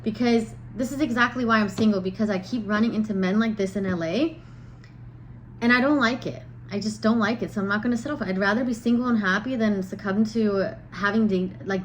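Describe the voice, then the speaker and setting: A woman's voice: medium pitch, a little hiss or hum, poor audio. A young woman telling a dating story to camera in a chatty, exasperated way, full of filler words. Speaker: vlogger. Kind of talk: casual storytelling.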